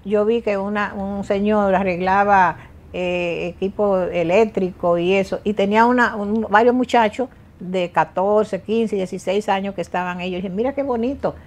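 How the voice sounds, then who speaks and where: A woman's voice: medium pitch, normal speed, darkish tone. An older woman from the Dominican Republic, a guest in a TV studio interview, speaking emphatically with frequent restarts and repeats. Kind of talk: casual interview talk. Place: TV studio set.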